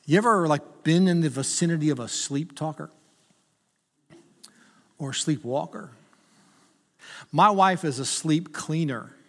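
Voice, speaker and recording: A middle-aged man preaches in a high, light voice, mixing jokes about himself with earnest calls to his listeners. His words ring out with a long reverb, as in a large church hall. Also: measured pace, long pauses. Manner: conversational, self-deprecating humor, rising to urgent appeals. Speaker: pastor. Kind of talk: sermon with humorous stories.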